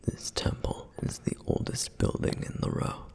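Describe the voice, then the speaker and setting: In an ASMR roleplay, a man plays a dutiful, protective male flame demon, whispering softly in a wistful, reflective way. His speed is normal, and his voice stays close to how he'd sound every day.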